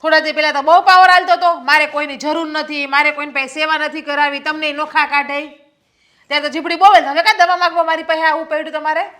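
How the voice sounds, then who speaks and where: An actress playing a quarrelsome, sarcastic daughter-in-law in a stage play, speaking. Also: female voice, high-pitched, fairly even intonation, fast talker, bright, forceful tone. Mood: scornful. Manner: taunting, sarcastic, scolding. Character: quarrelsome scornful young wife and daughter-in-law. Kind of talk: Gujarati stage-play acting.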